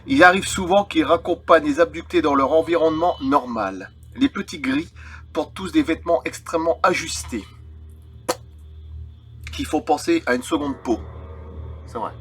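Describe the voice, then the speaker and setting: A man in his thirties hosts a video channel, reading aloud from a book and drifting into informal, rambling, digressive asides. His voice is on the high side, fairly bright and husky, at a moderate pace with frequent pauses. Eerie film music plays under his voice.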